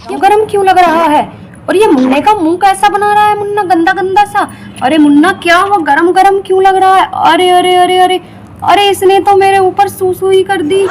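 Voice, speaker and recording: A woman's voice: very high-pitched, background noise. A woman voicing a fussy, squeamish uncle in a doll story, with frantic exclamations. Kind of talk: doll story role-play.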